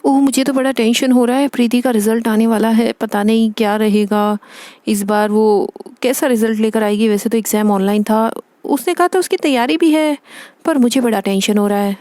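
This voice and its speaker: A woman's voice: fairly high pitch, moderate pace, warm tone, no room sound, lightly acted. A woman voicing a fussy, worried mother doll who frets and scolds in a storybook tale. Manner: fretful, scolding. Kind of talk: Hindi doll story voice-acting.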